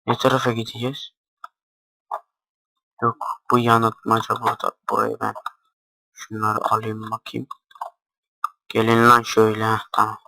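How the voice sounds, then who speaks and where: A man giving casual gameplay commentary, deliberately talking quietly and swearing offhandedly as he plays. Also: on the low side, monotone, vocal fry, no echo, low-quality recording. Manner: talks quietly on purpose, swears casually while playing.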